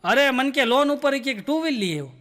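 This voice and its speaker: A man's voice: extremely high pitch, animated, fairly quick, a bit bright. A man with a Gujarati accent telling stand-up jokes, acting out the characters in his stories and laughing through the punchlines. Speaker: stand-up comedian.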